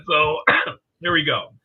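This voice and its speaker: A man's voice: a little high, takes it slowly, narrow, tinny audio. A man hosting a talk show in a casual, joking panel-chat style, introducing clips. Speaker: host running the clips.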